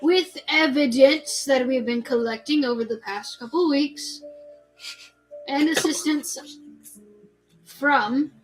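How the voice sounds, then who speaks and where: A woman plays a peg-legged old sea captain giving a halting, formal proclamation to a crowd in a tabletop game. The voice stays high and bright. Faint music plays underneath. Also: rough recording. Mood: proclaiming.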